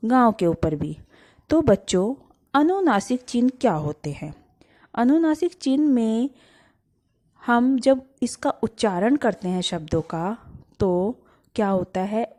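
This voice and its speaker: A woman's voice: mid-range voice, warm tone. A woman teacher giving a grammar lesson to children, patiently explaining and asking them to repeat the words aloud. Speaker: Hindi teacher.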